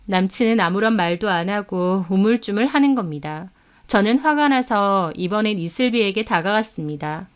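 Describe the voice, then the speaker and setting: A woman's voice: medium pitch, lively intonation, normal speed, clear, resonant tone. A woman with a mid-range voice narrates a first-person story. She tells it in an indignant, dramatic way, as if recounting a betrayal to listeners.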